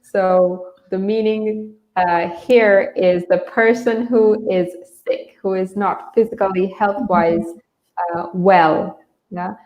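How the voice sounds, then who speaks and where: Her voice sits in the mid range, with fairly even intonation and a slow pace, as this Dhaka-raised webinar host from Bangladesh gives an English lesson. She explains informally and a little hesitantly. The room echoes noticeably, and the top end of the audio is cut off.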